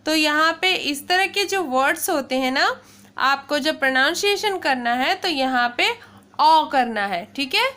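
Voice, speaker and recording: Speaking to children as if in a classroom, this woman coaches pronunciation by spelling each word out letter by letter. Her high-pitched voice is bright and forceful, and she explains slowly, often pausing to ask "okay".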